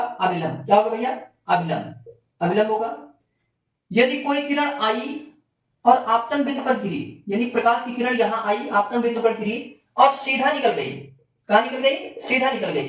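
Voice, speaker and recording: Man teaching in an echoey room. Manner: asks questions and answers them himself in a lower voice; addresses students as bhaiya and bachche. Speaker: physics teacher. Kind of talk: recorded classroom lecture. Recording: distant, echoey, dull classroom recording.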